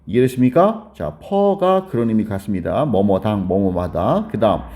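A man's voice: sing-song, moderate pace, a little mellow. A man teaching a basic grammar lesson, explaining step by step and often checking whether the class has followed. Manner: explains step by step, keeps asking "got it?"; acts out a student's question in a higher voice.

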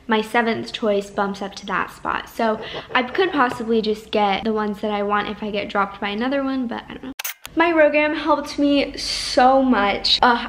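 A young American woman chatting casually to camera in a bubbly sorority-girl manner, peppering her talk with "like". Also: fairly high pitch. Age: young adult, around college age. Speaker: vlogger, student going through sorority recruitment. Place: small bedroom or dorm room, indoors. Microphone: camera mic at arm's length.

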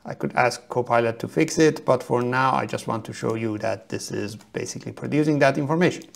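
A middle-aged man giving a methodical screen-share software tutorial from a small room, explaining step by step with frequent fillers. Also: mid-range voice, fairly quick, creaky. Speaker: software trainer.

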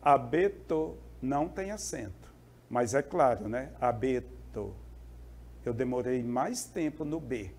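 A man's voice: medium pitch, lively intonation, unhurried, a little mellow. A male Spanish teacher explaining a lesson to students, often checking in with short questions. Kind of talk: classroom lesson.

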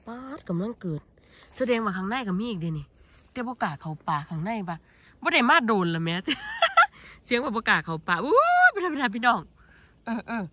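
A woman with an Isan accent, vlogging excitedly while foraging outdoors in a forest, full of exclamations. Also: a little high, moderate pace, breathy edge, no echo. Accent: Isan (Northeast Thai). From Thailand. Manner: exclamatory, excitable, lots of cries of delight. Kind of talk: excited foraging vlog chat.

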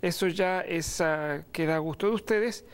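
A middle-aged man presenting a recipe on a studio kitchen set, relaxed and pausing often with fillers. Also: fairly high pitch, clear, resonant tone. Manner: relaxed, hesitant with many fillers. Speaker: cooking show host. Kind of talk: cooking demonstration.

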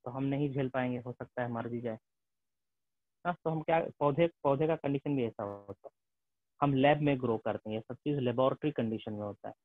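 A man's voice: mid-range voice, fairly quick. A male teacher giving a classroom lecture, mixing English terms into his speech and checking in with tag questions. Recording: tinny phone-like sound.

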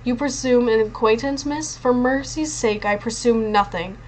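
A woman's voice: on the high side, moderate pace, slight background noise, lightly acted, low-quality recording. A woman voicing a haughty, frightened young aristocratic boy who talks in a lecturing, superior tone.

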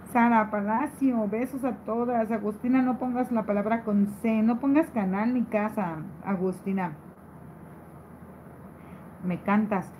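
A woman hosts a relaxed live stream, reading her viewers' comments aloud and answering each one with playful affection. Her voice sits a little high, and she talks at an unhurried, drawn-out pace. There is a faint hum of noise behind her. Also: rough recording. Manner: playful, teasing, laughs often. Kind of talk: casual live stream chat.

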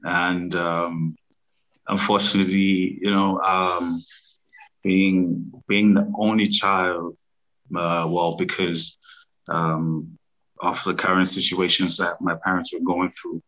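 Man, from Zimbabwe, thirties, very low voice, monotone, halting storytelling, video call. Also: poor audio. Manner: halting, many restarts and fillers. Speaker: guest, business founder. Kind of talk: casual interview storytelling. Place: room at home, indoors.

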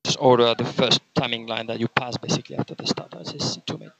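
Through a radio headset, a male race engineer speaks fast in a steady, medium-pitched voice that's creaky and fairly bright. He methodically repeats instructions over the team radio. The onboard recording is filtered and noisy, with clicks and vehicle noise.

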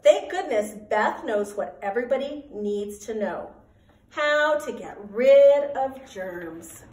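A woman reading a children's storybook aloud as a teacher, in an expressive, emphatic, sing-song way. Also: a little high, takes it slowly. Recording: roomy echo, voice from a distance.

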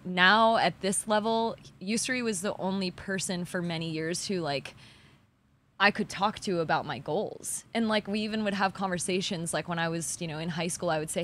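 A woman's voice: fairly low pitch, slight background noise. A young woman, an athlete guest, talking chattily with lots of "like" into a handheld mic on an outdoor patio. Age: young adult. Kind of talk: casual interview.

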